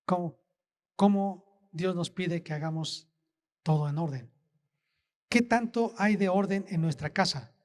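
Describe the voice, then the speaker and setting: A male pastor delivers a sermon at an unhurried, deliberate pace. His voice sits somewhat high for a man. He keeps putting rhetorical questions to his listeners. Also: darkish tone.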